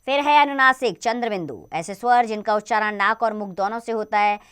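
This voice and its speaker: A woman teaching a grammar lesson to children, spelling out sounds slowly and deliberately. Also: mid-range voice, a bit bright, smooth.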